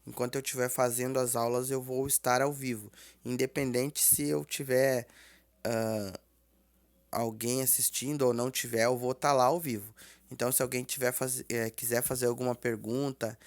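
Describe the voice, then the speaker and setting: A man teaching a language lesson, repeating words slowly and patiently and explaining their tones. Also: mid-range voice, creaky. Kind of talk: slow spoken language lesson.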